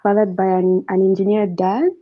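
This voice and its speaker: A woman from Zambia, a water engineer, speaking as a guest in a casual online interview, relaxed and friendly. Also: mid-range voice, moderate pace. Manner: relaxed and friendly, with easy fillers. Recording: dull lo-fi video call audio.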